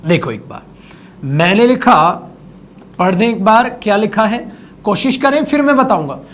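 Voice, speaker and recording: A man's voice: high voice, animated, fairly bright tone, slight background noise. Male teacher coaxing his students. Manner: coaxing, repeats words, calls students "my child" and "my brother"; slows right down when speaking English phrases. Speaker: English teacher. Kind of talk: online vocabulary lesson.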